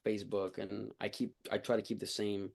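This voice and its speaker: Gravelly-edged man in an interview. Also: fairly low pitch, flat delivery, a little fast, darkish tone. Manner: earnest, appreciative. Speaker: actor being interviewed. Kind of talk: casual interview chat.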